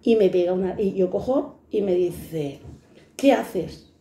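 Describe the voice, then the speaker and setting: A woman's voice: on the low side, normal speed, dark tone. A blunt, fiery woman in her fifties from Spain tells stories from her own life, swearing and acting out the people in them. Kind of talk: personal storytelling to camera. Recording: echoey room.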